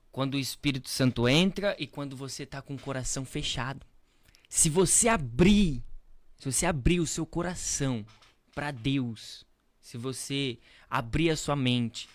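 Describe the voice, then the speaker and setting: A young Brazilian man, a pastor, telling his faith story in an earnest, repetitive way full of tag questions. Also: medium pitch. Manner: earnest, repeats phrases, frequent tag questions. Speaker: pastor, podcast guest. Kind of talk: casual testimony chat.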